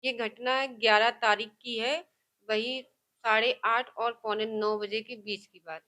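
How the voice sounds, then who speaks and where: A woman's voice: fairly high pitch, fairly even intonation, a little slow, sharp tone. A woman, the victim's sister, speaking emphatically and insistently in a news interview. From Kanpur. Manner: emphatic, insistent, words tumbling out. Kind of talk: news interview and heated argument.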